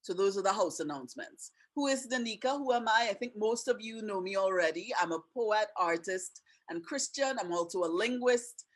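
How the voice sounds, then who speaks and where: A woman's voice: mid-range voice, normal speed, few pauses. Chatty Trini-Canadian woman hosting a webinar. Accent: Trinidadian with a Canadian tinge. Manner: chatty, friendly, explains with many asides and 'right?' tags. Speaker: webinar host and teacher. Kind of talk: casual online webinar presentation.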